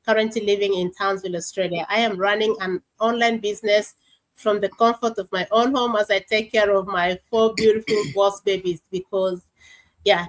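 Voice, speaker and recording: A woman's voice: medium pitch, rough recording. A woman from South Sudan hosting a live online talk show, introducing guests. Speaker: host. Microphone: video call.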